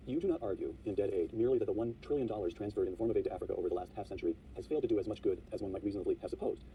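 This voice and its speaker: A man's voice: lowish voice, racing, mellow, distant mic, slight background noise. A man hosting an interview, asking probing questions, reading quotations aloud and cutting in often. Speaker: interview host.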